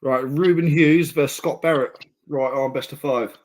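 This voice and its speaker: Brisk man reading out match fixtures. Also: mid-range voice, steady tone. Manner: brisk, reads out fixtures with "right, number ...". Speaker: podcast co-host reading out match list. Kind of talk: casual chat making match predictions.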